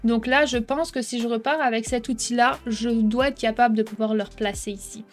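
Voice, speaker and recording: A woman's voice: a little high, fairly even intonation, brisk, faint music behind. Chatty woman walking through a tutorial. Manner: chatty, explains step by step, keeps asking "d'accord?". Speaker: software tutorial host. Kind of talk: casual screen-recording tutorial.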